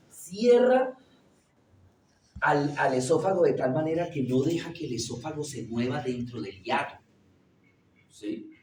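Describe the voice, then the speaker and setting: A man's voice: mid-range voice, darkish tone, a little hiss or hum. A man teaching a classroom lecture, asking the class questions and answering them himself. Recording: roomy echo, distant from the mic.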